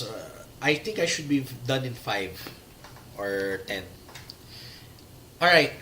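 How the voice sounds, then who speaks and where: A Filipino man, medium-pitched and a bit bright, gives a live-streamed slide presentation about working in motorsport, taking audience questions. He is losing his voice and rambles with many fillers and restarts. The low-quality recording carries a little hiss or hum.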